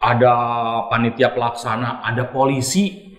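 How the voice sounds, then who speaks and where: A man with a Sundanese accent, telling a lively story in an interview, laughing often and acting out the voices of the people he quotes. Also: medium pitch, normal speed, roomy sound. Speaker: supporter leader telling a story.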